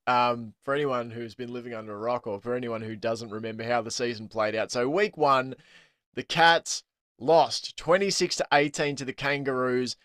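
An Australian man hosting a casual sports podcast, chatty and quick to laugh, with plenty of ums. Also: medium pitch, steady tone, fairly bright tone, no room sound, studio quality. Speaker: podcast host.

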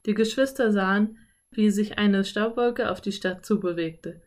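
A woman narrating a children's audiobook in a calm, clear storytelling voice. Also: medium pitch, measured pace.

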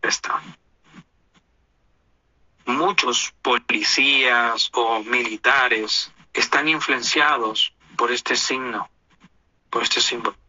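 A man's voice: medium pitch, steady tone, slow, long pauses, bright, forceful tone, muffled recording. A man from Honduras with a Honduran Spanish accent, delivering an indignant, preachy opinion monologue as a commentator.

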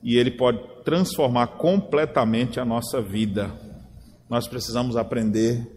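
A man's voice: medium pitch, unhurried, darkish tone, slight background noise. A man preaching a sermon, telling a story with acted voices and building to emphatic exhortations. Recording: long reverb of a large hall, faint ambience.

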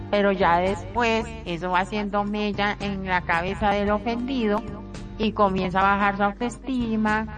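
A woman hosting a talk show, giving relationship advice in an earnest, casual way and piling up points in long, repetitive runs. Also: medium pitch. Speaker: radio talk show host. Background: background music.

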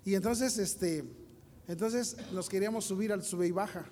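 Man, pastor, high voice, sermon with stories, asks the congregation questions, long church reverb. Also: normal speed, dark tone, slight background noise. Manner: storytelling, addresses congregation directly.

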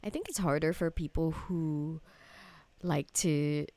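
Female podcast co-host, young, lowish voice congested by a cold and sore throat, casual and giggly, very dry sound. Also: unhurried, warm tone, no echo. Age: young adult.

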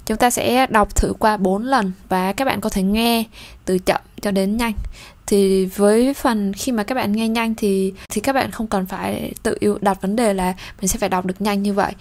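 A woman gives a bilingual language lesson with a voice of ordinary pitch for a woman. She pronounces each French word slowly and clearly, repeating it for learners. Between drills she explains in plain, steady talk. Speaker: French teacher.

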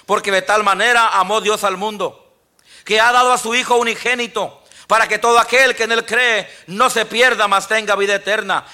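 Male pastor, church sermon, bright and high, many amens to the congregation. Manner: preaching with frequent "amén, hermanos" and quoted scripture. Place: church sanctuary.

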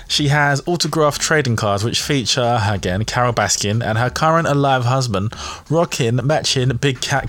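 A man's voice: mid-range voice, a bit bright. Cheeky man hosting a gossip podcast. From England. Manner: cheeky, gossipy, laughs at own jokes. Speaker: podcast host. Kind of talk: casual comedic commentary.

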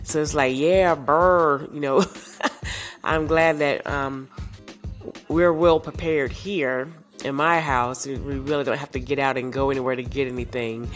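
A woman's voice: very deep voice, steady tone, measured pace, soft background music. A woman hosting a podcast, her voice congested from sinus trouble, giving reassuring words in a casual monologue full of fillers. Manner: warm, reassuring, many fillers. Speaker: podcast host.

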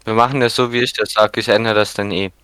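A man's voice: fairly low pitch, fairly even intonation, fast talker, bright, forceful tone, clear, resonant tone, dry recording. A young man chatting casually as a podcast co-host in a blunt, teasing, slangy way. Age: young adult. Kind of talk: casual chat.

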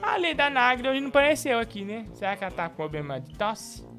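A man hosts a live comedy show, firing off jokes and hyped ad reads. His voice is bright and forceful and leaps all over the scale. Faint music plays behind him. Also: extremely high pitch, fast talker. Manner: jokey, animated hype-man ad reads.

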